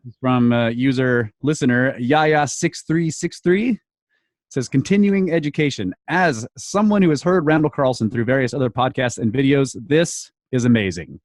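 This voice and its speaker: A man's voice: medium pitch, moderate pace, dry recording. A man co-hosting a podcast, upbeat, chatting casually and laughing easily. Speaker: podcast co-host.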